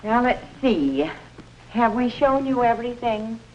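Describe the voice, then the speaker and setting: Her voice is a little high and somewhat mellow, animated yet measured, with dull audio. In a 1950s educational film she portrays a kind, orderly primary school teacher giving patient instruction to young children, heard through a noisy, band-limited soundtrack.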